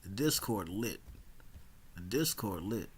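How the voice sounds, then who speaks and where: A man's voice: lowish voice, lively intonation, slow, slight background noise. Man, casual streamer. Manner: conversational, peppered with slang and shout-outs. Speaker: livestream host. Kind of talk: casual livestream chat, slangy.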